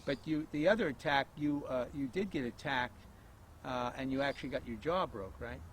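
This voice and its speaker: Halting man interviewing outdoors, faint noise. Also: mid-range voice. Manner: halting, restarts questions. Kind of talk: interview questions. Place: outdoors in a park.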